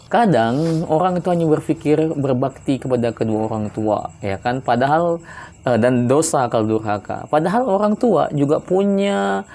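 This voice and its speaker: A man from Palembang giving religious advice in a relaxed conversational way, often tagging his points with questions. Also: on the high side, moderate pace. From Palembang, South Sumatra. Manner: relaxed and chatty, often adds "ya kan" tag questions. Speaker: Islamic religious teacher.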